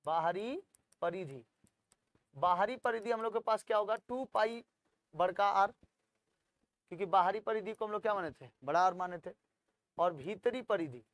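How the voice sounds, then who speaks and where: Male tutor, higher pitch, coaxing question-and-answer teaching, dry recording. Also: no echo. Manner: coaxing, asks students questions, then answers them. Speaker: maths tutor. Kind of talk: solving textbook problems aloud.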